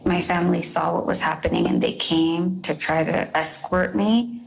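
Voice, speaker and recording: A young woman from Canada, interviewed and recounting her past in a halting, measured way with fillers. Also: on the low side, steady tone, gravelly, slight background noise, low-quality recording. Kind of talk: recorded interview recollection.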